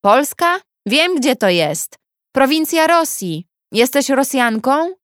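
A woman's voice: high-pitched, sing-song, slow, no room sound, clean studio sound, voice pushed up, full character voice. Brash mocking woman prisoner, read by a woman. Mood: brash teasing. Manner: crude slangy teasing.

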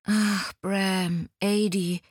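A woman voicing a lively young schoolgirl in an audiobook, eager and breathless. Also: medium pitch, drawn-out words, slightly rough, dry recording, studio quality, heavily acted. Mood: fearful.

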